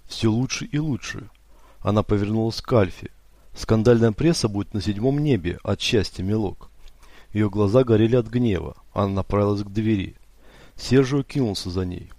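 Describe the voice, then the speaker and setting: A man narrating an audiobook in a steady, dramatic reading manner. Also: on the low side, dry recording.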